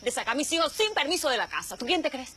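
A woman's voice: high voice, sing-song, fast talker, slight background noise, full character voice. An actress playing a furious mother who scolds a man for taking her children out without permission, in a telenovela scene with music underneath. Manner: indignant, scolding, shouting. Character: furious mother hunting her runaway kids. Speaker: angry mother. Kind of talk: telenovela acting.

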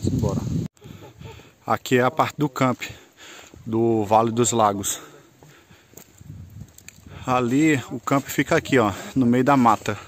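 A moto travel vlogger from Northeast Brazil gives a casual, rambling walking tour of a rural campsite, filmed outdoors on a handheld camera. He speaks slowly at medium pitch with long pauses over a noisy background, chatty and loose as he points things out.

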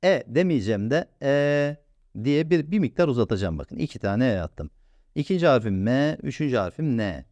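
A patient male teacher leads a recorded lesson, posing questions and answering them himself. His voice moves up and down a lot as he stretches out sounds slowly for the learner. The sound is dry and close, with no room echo. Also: medium pitch, sing-song, a little mellow. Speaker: Quran reading teacher.

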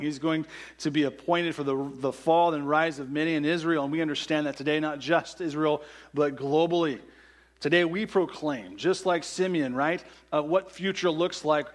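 A man preaching a sermon in a church, reading scripture and asking the congregation earnest rhetorical questions. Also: on the high side. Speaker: pastor. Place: church sanctuary.

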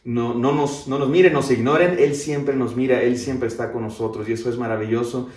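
A young adult man, a pastor, talking quickly and with enthusiasm and then singing with an acoustic guitar in a living room. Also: mid-range voice, fairly even intonation. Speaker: pastor and singer-songwriter. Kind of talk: casual introduction and singing with guitar. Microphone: far camera. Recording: echoey room, loud guitar.

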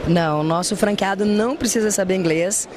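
A woman's voice: medium pitch, fairly quick. Upbeat woman at a noisy trade fair. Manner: upbeat, promotional. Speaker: franchise school director. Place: busy indoor trade fair hall. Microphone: handheld mic held by interviewer.

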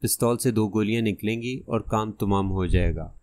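A man voicing a cunning masked gunman in an audiobook who gives hushed, threatening orders. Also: lowish voice, lightly acted. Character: menacing masked male gunman, cunning and cold.

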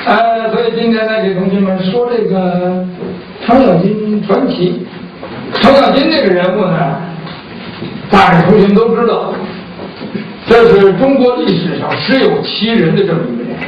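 A man's voice: high-pitched, normal speed. A man performing as a traditional Chinese pingshu storyteller, talking conversationally to listeners with rhetorical questions and acted-out exchanges. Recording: roomy echoing hall, distant mic, dull sound, faint noise.

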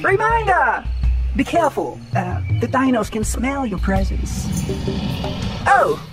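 Chirpy cheerful game guide voiced by a woman, high and wildly bouncy, slow and bubbly, over loud trailer music. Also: very animated, exaggerated voice. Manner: bubbly, giggly, swoops up and down.

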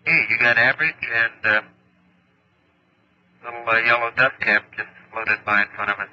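A man's voice: medium pitch, steady tone, moderate pace, bright, forceful tone, dull audio. A man in a spacecraft giving clipped radio reports to the ground, heard over a breaking-up space radio downlink. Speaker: astronaut. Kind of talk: clipped radio procedure talk.

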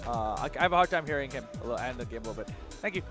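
A man's voice: medium pitch, animated, very fast, music in the background. A man commentating a fighting game tournament over a headset, joking and laughing a lot. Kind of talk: esports commentary.

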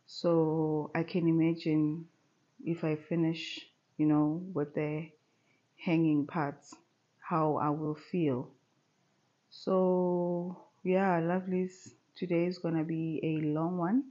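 Unhurried woman chatting from her sofa. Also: low-pitched, lo-fi sound. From South Africa. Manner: relaxed and chatty, unhurried with many pauses. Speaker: vlogger. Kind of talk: casual chat to camera. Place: bright living room at home, seated on a sofa.

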